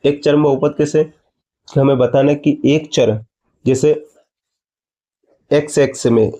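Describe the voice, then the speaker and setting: A man's voice: on the high side, fairly even intonation, a little slow, warm tone. A man teaching a maths lesson, explaining step by step and asking his students questions before answering them himself. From India.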